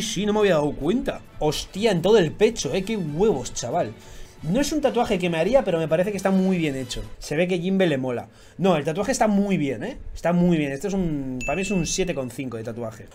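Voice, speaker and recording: A young man with a Spanish accent from Spain, giving casual, slangy reaction commentary with loud excited outbursts. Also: fairly high pitch. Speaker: YouTuber reviewing fan tattoos.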